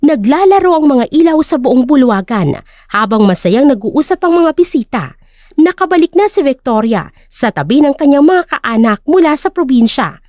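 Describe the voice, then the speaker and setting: A woman with a Filipino accent narrates a scripted, dramatic story. Her voice is high and a little mellow, captured in a dry, studio-quality recording.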